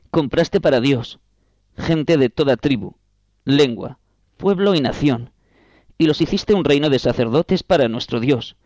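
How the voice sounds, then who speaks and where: A man preaching a sermon as a priest, reading scripture aloud with slow, solemn, repetitive phrasing. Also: medium pitch, darkish tone, no room sound.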